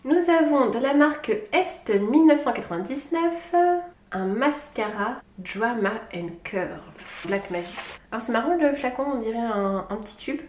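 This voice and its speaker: Excitable beauty vlogger, woman from Lyon, bright pitch, echoey room, lots of gushing exclamations. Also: normal speed. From Lyon, France. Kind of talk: casual unboxing chat.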